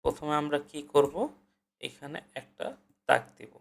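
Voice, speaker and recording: A man's voice: fairly high pitch, little pitch movement, moderate pace, creaky, a bit bright. A man with a Bangladeshi Bengali accent, teaching in a screen-share tutorial and explaining step by step while repeating syllables aloud. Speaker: language tutor.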